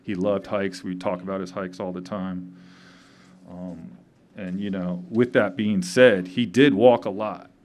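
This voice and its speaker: Man, fifties, grieving, slightly low voice, halting speech with many fillers, memorial gathering in a tavern. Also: fairly even intonation, a little mellow. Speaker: eulogy speaker. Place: tavern event.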